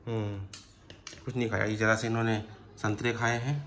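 A man vlogging his family life, gently coaxing and reassuring someone. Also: fairly low pitch, level tone, moderate pace. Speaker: vlogger, parent. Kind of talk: casual family vlog. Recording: noisy home-video sound.

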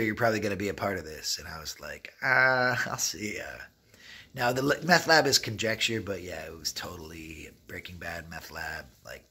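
With a rough voice on the low side, this travel vlogger in his thirties casually addresses the camera, rambling through streetwise stories and acting out lines of dialogue with energy. He's inside an open derelict wooden shack, recorded by a phone or camera held at arm's length.

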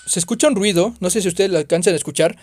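A man doing excitable let's play commentary on a horror game, exclaiming and swearing at the scares. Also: sits high, rapid-fire, slightly rough, faint music behind. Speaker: gaming youtuber.

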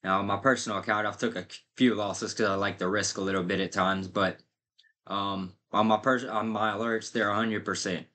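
A man's voice: on the low side, fairly even intonation, brisk, pushed and bright. A man giving a casual, rambling update to his viewers, with many fillers. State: has the hiccups. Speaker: crypto channel host.

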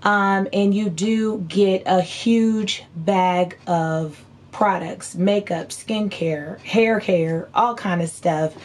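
A woman in her thirties with a hoarse, worn-out voice, chatting casually and folksily as a beauty vlogger showing products. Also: medium pitch, slow pace, hardly any pauses. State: hoarse, voice partly lost from screaming. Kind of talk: casual chat unboxing haul. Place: indoor room at home.

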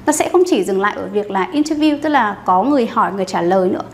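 A woman's voice: medium pitch, animated, rapid-fire, a little hiss or hum. A young woman, an English teacher explaining study stages in a chatty lesson and often checking in with "right?". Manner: chatty, keeps asking "right?" to the viewer. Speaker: English teacher and academic manager.

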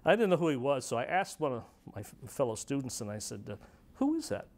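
A man, a former student, telling a story in an interview with animated quotes. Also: medium pitch, quick pace. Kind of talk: anecdotal interview.

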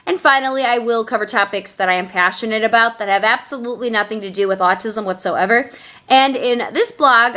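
Bright-voiced young woman vlogging earnestly. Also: a little high. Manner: earnest, halting with many fillers. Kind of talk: personal vlog storytelling.

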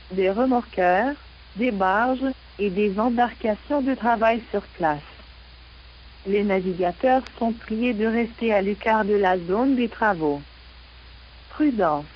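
A woman reading navigation warnings in a measured, even announcer delivery over a VHF marine radio broadcast. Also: a little high, highs cut off, a little hiss or hum.

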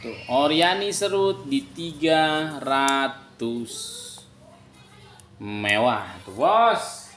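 A young man hawks his wares in a slow, emphatic sales patter, stretching out key words. His voice sits a little high. It bounces around a hard, echoey living room as he talks into a phone. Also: lively intonation, a bit bright. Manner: repetitive, emphatic hawking with drawn-out key words. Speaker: online bag seller. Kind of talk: informal live sales pitch. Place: large tiled living room, indoors. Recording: echoey room, some background noise.

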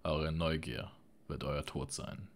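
Audiobook villain: a man playing a smug old necromancer, soft purring menace, very deep voice. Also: steady tone, slow, a little hiss or hum, full character voice. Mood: silky menace.

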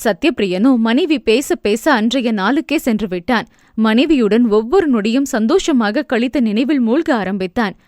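Woman reading out an audio novel, steady storytelling, fairly high voice, dry close mic. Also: moderate pace, no room sound. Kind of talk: scripted narration.

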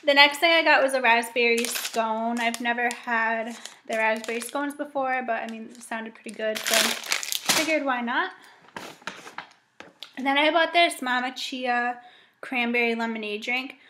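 Young woman, casual vlogger, slightly high voice, upbeat and chatty, webcam at home. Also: moderate pace, heavy background noise. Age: young adult. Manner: chatty, upbeat, frequent ums and likes. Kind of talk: casual grocery haul vlog. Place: home dining room indoors.

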